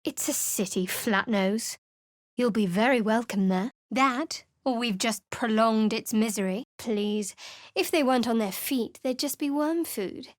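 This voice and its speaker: A woman's voice: a little high, measured pace, no room sound, natural voice. A woman voicing a guarded, sardonic young cleric adventurer in a video game, speaking with dry, cutting wit and cool reserve. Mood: wry.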